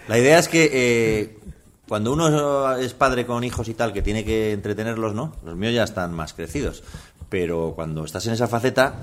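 A man in his sixties from Madrid with a Peninsular Spanish accent, a radio guest telling stories playfully with rambling asides. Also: medium pitch. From Madrid, Spain. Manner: playful storytelling, acts out quoted voices, rambling asides. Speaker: guest author and radio humorist. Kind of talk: casual radio interview chat.

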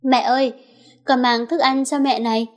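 A blunt young heroine talks in a casual, informal way, as a woman narrator puts her on. The voice is fairly high and close to the narration. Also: steady tone, normal speed, natural voice. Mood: alarmed.

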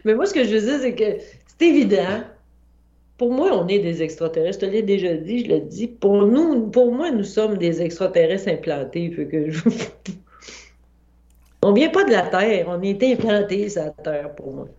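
A woman's voice: mid-range voice, expressive, dark tone. A woman, talking in a playful, chatty way in a casual discussion. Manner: playful, chatty, quick to laugh. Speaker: guest. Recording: echoey room, dull lo-fi sound.

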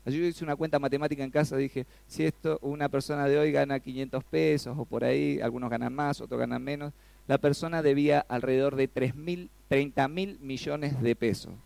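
A man preaching a sermon, animated, often asking his congregation questions and rising sharply when he acts out a plea. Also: medium pitch, a little fast, vocal fry, no echo. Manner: animated, rises sharply when acting out pleas.

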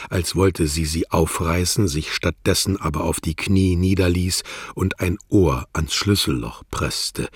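A man gives a measured literary narration at a slow, unhurried pace. His low voice carries a husky grain, and the recording is close and dry, with no room sound. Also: dry recording. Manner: measured, even reading.

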